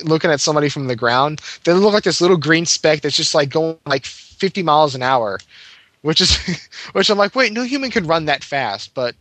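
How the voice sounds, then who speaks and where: Guy rambling about games, lots of likes and restarts, slightly high voice. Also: a bit bright, no echo. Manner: rambling, many fillers and restarts. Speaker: podcast co-host. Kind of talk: casual chat about video games.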